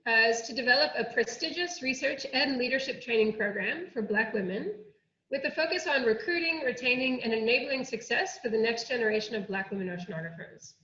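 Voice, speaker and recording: An American academic oceanographer from the United States presents a programme at an online workshop from an indoor room, speaking in an earnest, explanatory way. Her voice is fairly high-pitched with a sharp tone. The online-call audio sounds muffled and roomy.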